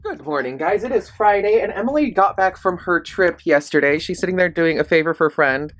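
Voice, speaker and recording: A woman's voice: fairly low pitch, lively intonation, brisk. A woman vlogging casually to a handheld camera, chatty and rambling, often poking fun at herself. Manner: chatty, rambling, self-deprecating. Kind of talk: casual diary vlog to camera.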